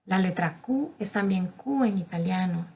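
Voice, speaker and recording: Woman teacher, husky low voice, slow and deliberate, dull lo-fi recording. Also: expressive, darkish tone. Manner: careful, deliberate, spells out each sound. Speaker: language teacher.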